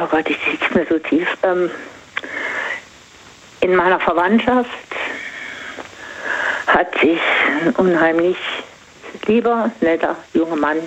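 An older woman calling in, confiding personal matters in halting phrases with pauses. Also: low-pitched, slight background noise. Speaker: caller. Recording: dull phone line.

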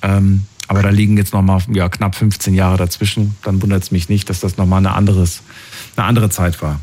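Ein Radiomoderator Ende dreißig aus Thüringen mit eher tiefer Männerstimme. Er führt gesprächig durch eine Anrufsendung, erinnert sich gern und streut immer wieder „äh“ ein. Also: male voice, low voice, little pitch movement, fairly quick, a little mellow. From Thuringia, Germany. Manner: chatty, reminiscing, with fillers. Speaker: radio call-in host. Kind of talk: radio call-in show.

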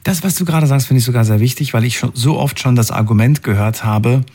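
Husky male interviewer, engaged and opinionated, slightly off-mic. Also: mid-range voice, fast, a little mellow. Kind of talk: casual conversation.

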